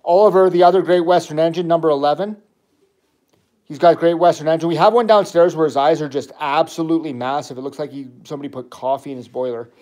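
A man in his thirties hosting a toy livestream from his family home, rambling and chatty with quick asides to viewers. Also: a little high, darkish tone. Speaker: toy channel host. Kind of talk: casual livestream chat.

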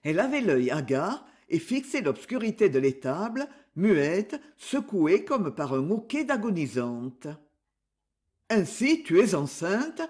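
A man narrating a French literary audiobook in an expressive, measured storytelling manner. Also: a little high.

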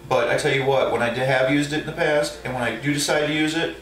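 A fast-talking truck driver with a mid-range, somewhat bright voice casually displays his tools in a room at home, peppering it with ums and restarts. The overhead camera sits a few feet away, leaving his voice distant, echoey, and slightly off mic.

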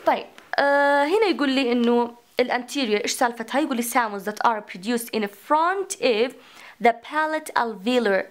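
Woman lecturer, slightly high voice, talks herself through questions. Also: moderate pace. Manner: mixes English terms into Arabic, asks and answers her own questions. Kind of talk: recorded phonetics lecture.

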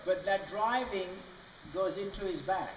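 A man with a voice that sits high speaks a little slowly, far from the mic, in a large indoor riding arena that sounds roomy, echoey, and noisy. As a riding clinician, he coaches a rider patiently, explaining things and often checking in with "okay?".

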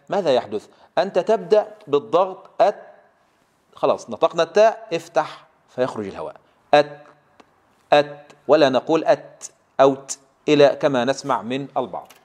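A man's voice: mid-range voice, a little mellow. Emphatic man teaching recitation. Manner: slow, emphatic drilling of sounds, asks students to repeat. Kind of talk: tajweed lesson.

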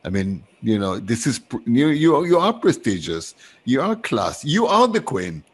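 A man hosting a casual video-call interview, halting and repetitive, with a joking streak. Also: medium pitch, very animated, husky. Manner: halting, repeats himself, jokey. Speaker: interview host.

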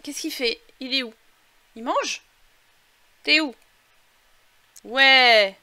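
A woman's voice: high voice, extremely slow, pushed and bright. A woman giving casual commentary while playing a video game, thinking aloud with lots of fillers and reading quest text aloud. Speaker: let's play gamer.

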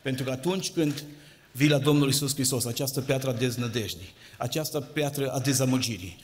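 A man preaching a sermon in a church, with an impassioned, sing-song delivery that rises and drops. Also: medium pitch. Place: church hall. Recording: long hall reverb.

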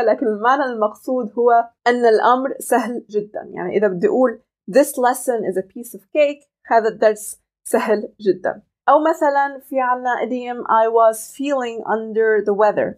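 A woman with a Levantine Arabic accent giving an online language lesson, explaining step by step and slowly modelling English phrases. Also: on the high side. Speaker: English teacher.

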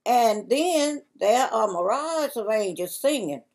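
An older woman with a Southern US accent, slowly and carefully reading a church devotion in a library on a lapel mic. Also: fairly high pitch, lively intonation, a little mellow, poor audio. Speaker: devotion reader.

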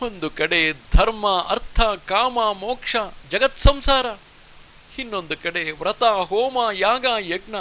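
A man's voice: sits high, pushed and bright, slight background noise, exaggerated voice. Man reading an anguished warrior monk husband.

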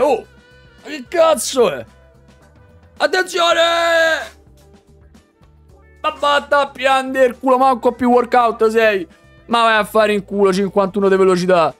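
A young man doing excited pack-opening commentary for a video game, swearing a lot and yelling at big pulls. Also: high-pitched. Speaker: gaming streamer. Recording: faint music behind.

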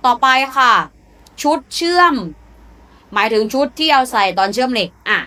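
Bright-voiced woman drilling syllables. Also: sits high, lively intonation. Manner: patient, repeats syllables slowly for students. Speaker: Korean language teacher. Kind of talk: beginner spelling drill lesson. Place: classroom.

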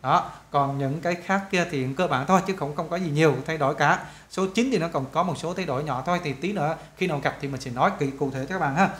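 A man with a Vietnamese accent teaching an English lesson, patiently repeating words slowly for students to copy. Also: fairly high pitch, a bit bright. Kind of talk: explaining English grammar to students.

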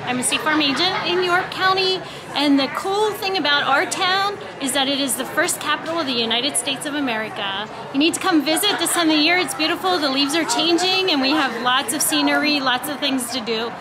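A woman from Pennsylvania speaks in a bubbly, high voice to a camera outdoors. Loud outdoor ambience fills the background. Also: animated, fairly quick, background noise. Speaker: insurance agent. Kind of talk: casual to-camera introduction.

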